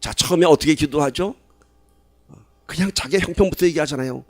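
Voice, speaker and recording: A man's voice: a little high, a little fast, dry recording. Man preaching, dry close sound. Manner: conversational preaching, rhetorical questions to the congregation. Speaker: pastor. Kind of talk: sermon.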